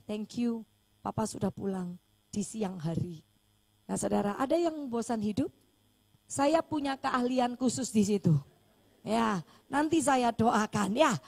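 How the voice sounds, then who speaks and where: A woman's voice: medium pitch, creaky, darkish tone. A woman pastor, preaching a sermon and telling a story animatedly, acting out the dialogue.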